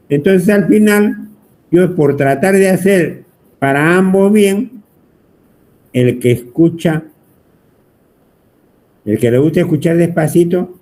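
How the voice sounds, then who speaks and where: The speaker is a man lecturing an electronics class at a whiteboard, high-pitched yet dark in tone, with a little hiss or hum behind him. He has a Peruvian Spanish accent, chats at length, teases students and keeps quizzing the class.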